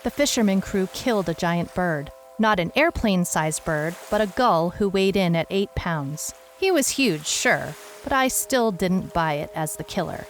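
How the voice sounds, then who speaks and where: Here the private detective of an audio mystery serial is voiced by a woman with a lowish, animated voice at a moderate pace, barely pausing. Slight background noise accompanies her wry, skeptical, dry first-person narration, puzzled and uneasy in tone.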